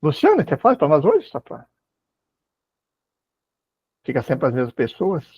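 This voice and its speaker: Animated husky Brazilian man, lo-fi. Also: a little high, a little slow, no room sound. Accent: Brazilian Portuguese. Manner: animated, emphatic, repeating key phrases. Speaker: study group leader. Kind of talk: casual group discussion. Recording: dull lo-fi sound.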